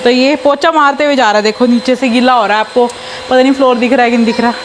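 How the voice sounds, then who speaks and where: Young mom vlogging chores, pretty high voice, chatty, phone cam at home w faint household hum. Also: female voice, fairly even intonation, quick pace. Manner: chatty, mixes English into Hindi, talks to her child between lines. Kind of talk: casual home vlog chat. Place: home, indoors, while cleaning floors.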